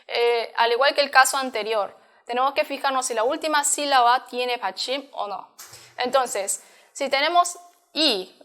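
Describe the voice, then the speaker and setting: A woman's voice: fairly high pitch, fairly bright tone. Patient woman teaching a language lesson. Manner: patient, step-by-step explaining with frequent "¿sí?" checks. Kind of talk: recorded online lesson.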